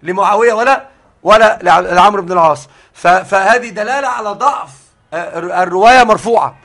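A man teaching a religious lesson as a sheikh, explaining with halting starts and frequent repeated words. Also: high-pitched, a bit bright.

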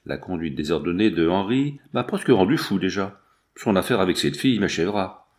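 A man's voice: low-pitched, lively intonation, a little fast, darkish tone, pitched below the performer's own voice. A man voicing a stern, worried old general in an audiobook, agitated and severe. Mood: troubled.

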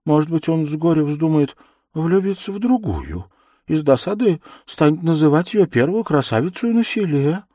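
A man's voice: a little high, big pitch swings, normal speed, dark tone, no echo, voice pushed up. A vain, teasing young village beauty musing in a self-satisfied way, as a male storyteller reads her part. The voice stays close to the reader's own, slightly raised. The sound is dry and close. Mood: worried.

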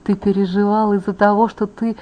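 A woman reading an audiobook voices a tender young immortal man, speaking softly and low. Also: flat delivery, a little fast, dull audio, natural voice.

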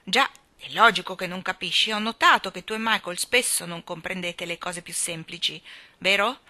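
A woman's voice: lowish voice, moderate pace, sharp tone. A woman voicing a cheeky little boy painted on a china vase, who talks in a teasing, reproachful way.

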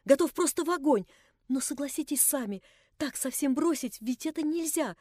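An excitable young nobleman, as a woman reader puts him on in a storybook, gushing and remorseful. His pleading pours out breathless and pitched high above the reader's own voice. The delivery is loud and effusive. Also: moderate pace, no room sound, studio quality.

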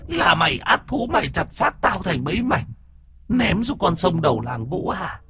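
A man's voice: fairly bright tone, slight background noise, heavily acted. A man voicing the vengeful ghost of a murdered young woman, eerie and accusing, in a spoken ghost story. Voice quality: eerie, high and shrieking. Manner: accusing, bitter, at times pleading.

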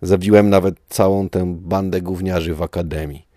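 A man voicing a menacing, cruel armored male dark lord, speaking slowly with a rough voice in a read-aloud story. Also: sits low, steady tone, no echo, clean studio sound, lightly acted. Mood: goading. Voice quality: rough, mask-distorted voice. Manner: slow, taunting menace.

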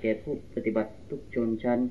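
A man reading a letter aloud in a steady, formal way. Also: brisk, slight background noise. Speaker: reader of a disciple's letter. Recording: distant, tinny lo-fi archival tape.

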